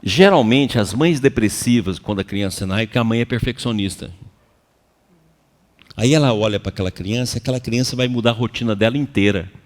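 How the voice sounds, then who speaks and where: A man with a Brazilian Portuguese accent giving a lively, colloquial seminar lecture to an audience. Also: mid-range voice, fairly quick. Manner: animated and colloquial, acts out quoted voices. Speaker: seminar speaker. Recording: reverberant hall.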